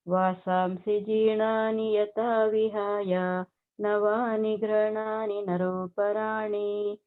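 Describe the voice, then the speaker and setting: Phone-like call, woman reciting formally. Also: mid-range voice. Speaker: Sanskrit verse reciter. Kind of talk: formal recitation of Sanskrit verses. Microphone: online call. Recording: thin phone-like online call.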